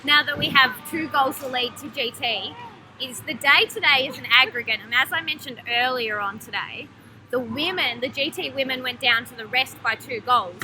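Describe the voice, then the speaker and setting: A woman's voice: high-pitched, moderate pace, music in the background. An Australian woman giving chatty, upbeat colour commentary at an indoor sports match. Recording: noisy live arena feed.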